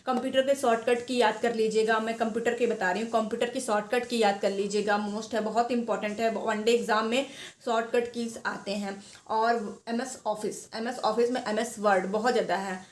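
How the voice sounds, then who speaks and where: A woman's voice: a little high, steady tone, brisk, roomy sound. A woman giving informal exam advice to students, chatty and repetitive, restarting her sentences often. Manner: chatty, repeats herself, many restarts. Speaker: exam preparation guide.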